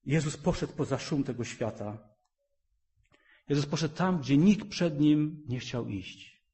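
A middle-aged man preaching a sermon, fervent and rhythmic, repeating phrases and rising to loud emphatic peaks. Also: on the high side, measured pace.

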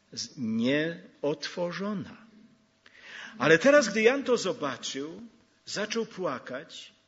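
Male preacher, slow and deliberate, lively pitch swings, husky edge. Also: muffled recording. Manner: animated, rising to exclamations and dropping to soft asides. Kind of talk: sermon.

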